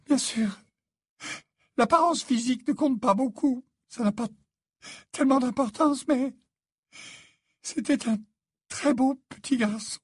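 A man's voice: expressive, moderate pace, long pauses, no room sound, clean studio sound. Mrs Weasley, a man voicing a fluttering tearful mother. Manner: high fluttering pleading voice. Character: anxious motherly middle-aged woman, tearful.

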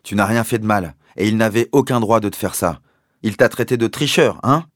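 A man's voice: mid-range voice, a little fast, no room sound, clean studio sound, pitched above the performer's own voice, close to an everyday voice. A man voicing a caring, protective father in an audiobook reading, speaking in an urgent, raised voice. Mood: indignant.

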